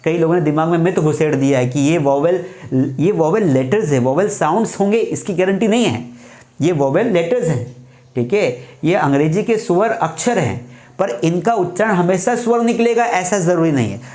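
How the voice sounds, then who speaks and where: A male teacher giving a lively grammar class. He repeats his main points and keeps asking the students questions. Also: on the high side, moderate pace. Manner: mixes English phrases into Hindi. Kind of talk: classroom lecture. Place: writing on a board while teaching.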